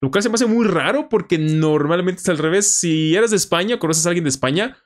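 Man, Mexican Spanish accent, enthusiastic reaction commentary, slightly high voice. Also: fairly quick. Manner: animated, enthusiastic, frequent fillers. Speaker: YouTuber analyzing English.

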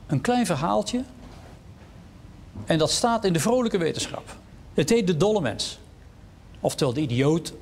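A man lectures on philosophy in a reflective, questioning way, leaning on key words. His voice is slightly high for a man, with a gravelly fry, and faint background noise sits under it. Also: a little mellow. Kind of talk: lecture with read-aloud passages.

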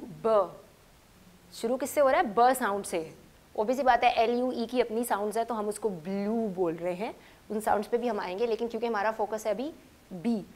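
A woman teaching English phonics to a class, patiently stressing each letter sound. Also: a little high. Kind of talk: classroom lesson.

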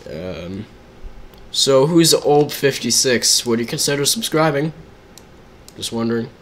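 Male streamer, medium pitch, casual running commentary to chat, faint typing underneath. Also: lively intonation, measured pace, slight background noise. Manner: chatty, talks to viewers between game reactions. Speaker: live streamer.

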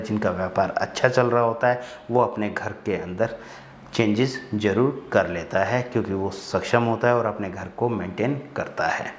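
A man's voice: on the low side, a little hiss or hum. A man in his thirties, a consultant, talking straight to camera with a lapel mic and advising listeners in an earnest, repetitive way. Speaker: vastu consultant. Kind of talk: direct-to-camera advice talk. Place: small indoor studio with plain backdrop. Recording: roomy echo.

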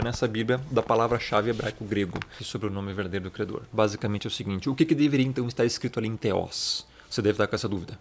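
A man's voice: lowish voice, a little mellow. A man giving a casual Bible study lesson, explaining words step by step and calling the viewer brother. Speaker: Bible teacher.

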